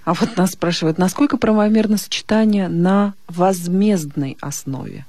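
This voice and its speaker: A radio host running a call-in show in a brisk way and keeping an eye on the time. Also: mid-range voice, darkish tone, no room sound. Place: radio studio.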